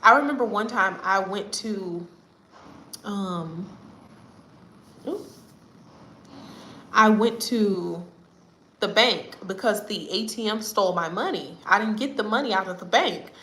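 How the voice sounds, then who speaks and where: Lively woman chatting in an echoey room. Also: medium pitch, takes it slowly, long pauses, slight background noise. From United States. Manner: animated and chatty, often laughing. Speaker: vlogger. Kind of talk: casual storytelling chat. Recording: roomy echo.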